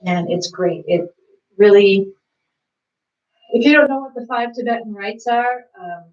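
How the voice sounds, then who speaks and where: A woman's voice: medium pitch, measured pace, darkish tone, far from the mic. A woman co-hosting a morning workout, chatting casually and rambling with lots of fillers. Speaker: workout co-host. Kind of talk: casual chat during a workout. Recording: roomy, off-mic and dull.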